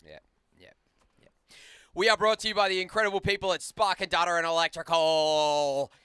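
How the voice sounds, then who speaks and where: Bright, chatty man commentating hockey. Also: fairly high pitch, level tone, a little fast, clear, resonant tone, dry recording. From Australia. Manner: chatty, banters and laughs often. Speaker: play-by-play commentator. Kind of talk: joking live hockey commentary.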